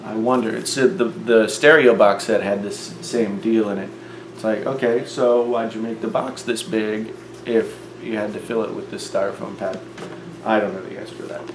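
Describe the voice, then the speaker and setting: A man's voice: fairly low pitch, steady tone, moderate pace, background noise. A man in his forties talking casually in a wry, chatty way, speaking straight to his viewers in an unboxing vlog. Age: 40s. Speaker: tech YouTuber host. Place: home room. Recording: roomy echo with faint music.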